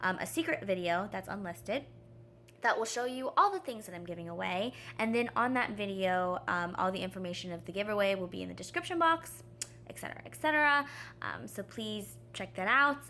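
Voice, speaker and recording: A woman's voice: medium pitch, a little fast, a little hiss or hum. A young woman chatting casually from her bedroom in a vlog, filling her talk with ums and likes. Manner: chatty, relaxed, lots of fillers. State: out of breath. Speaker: vlogger.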